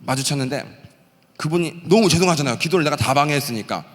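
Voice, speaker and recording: A man in his late thirties from the Gyeongsang region preaching a testimony sermon, telling his story with animated energy and acting out the prayers and shouts he quotes. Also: on the high side, fast talker, long reverb tail. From Gyeongsang region, South Korea. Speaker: pastor and missionary. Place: church sanctuary.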